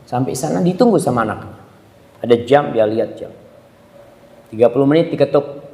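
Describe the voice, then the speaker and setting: A man's voice: lively intonation, a little fast. A man preaching a sermon to a congregation, telling stories and acting out the voices of the people in them. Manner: storytelling, acting out quoted voices with sharp pitch jumps; addresses the congregation directly. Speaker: Islamic preacher. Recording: roomy hall reverb.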